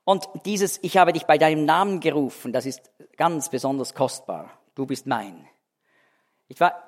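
A man teaching through a Bible passage as a preacher, swinging between emphatic raised phrases and hushed, slow endings. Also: fairly high pitch. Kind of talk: verse-by-verse Bible teaching sermon. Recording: long hall reverb.

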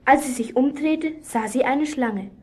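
Earnest girl storyteller, high voice, radio play. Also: unhurried, dark tone, breathy edge. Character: young girl retelling Bible stories to a boy.

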